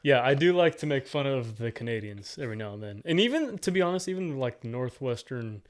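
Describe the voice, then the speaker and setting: A young man co-hosting a podcast, chatting casually with teasing, deadpan quips. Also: mid-range voice, brisk. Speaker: podcast co-host.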